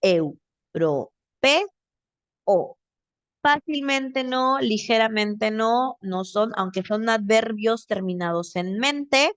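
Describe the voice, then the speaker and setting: A woman's voice: on the high side, slow pace, hardly any pauses, a bit bright, clean tone, no echo. A woman teacher with a Mexican accent giving a grammar lesson over a video call, explaining patiently step by step and checking in with her student.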